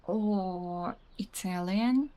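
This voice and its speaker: Extremely slow and mellow, her mid-range voice carries a young native Russian speaker's casual game-stream chatter. She rambles with many "like"s, reads chat messages out loud, and often breaks into laughter.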